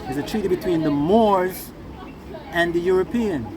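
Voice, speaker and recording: High-voiced Jamaican man, emphatic Rasta-style reasoning. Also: normal speed, a crowd in the background. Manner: Rasta-style speech, emphatic, often checking the listener follows. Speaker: interviewee. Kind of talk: impassioned informal reasoning. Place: outdoors near passing vehicles. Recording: noisy outdoor recording with traffic.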